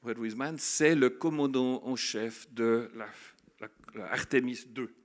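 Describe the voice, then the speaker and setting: A male pastor delivers a sermon in a middle-pitched voice. He preaches earnestly, dropping to soft reflection and then building to emphatic, repeated declarations. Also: slow pace.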